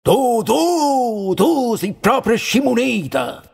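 A man's voice: extremely high pitch, animated, creaky, darkish tone, husky, full character voice. An actor playing a male talking confessional, a teasing uncle figure who drawls and mocks. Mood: mocking. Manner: teasing, dialect-flavored, drawn-out.

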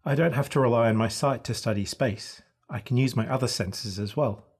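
A man's voice: medium pitch, a little fast, darkish tone, husky. A man speaking as an astronomer and guest guide, giving a scripted, explanatory planetarium narration.

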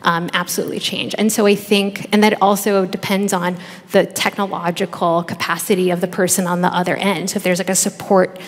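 A woman's voice: lowish voice, little pitch movement, a little fast. A woman in her thirties, a researcher and author on a conference panel, answering thoughtfully with many fillers and restarts into a headset mic. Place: large conference stage. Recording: long reverb of a large hall.

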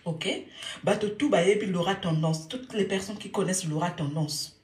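A woman's voice: lowish voice, moderate pace, darkish tone. Repetitive woman in an echoey room. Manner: repeats words over and over, mixing French and Lingala. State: a little irritated. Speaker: live stream host. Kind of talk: casual live-stream monologue.

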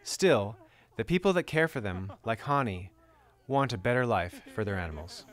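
A man's voice: on the low side, expressive, normal speed. A man reading scripted nature documentary narration.

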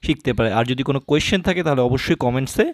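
A man from Bangladesh teaches a beginner language class. He says each letter and word slowly and repeats it so learners can follow along. His pitch sits in the middle of the usual male range. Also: no room sound.

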